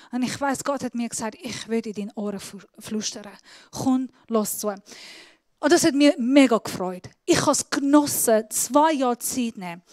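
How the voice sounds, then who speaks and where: High-voiced woman preaching with lively emphasis. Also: dry recording. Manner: slightly broken German grammar. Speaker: pastor. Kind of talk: sermon.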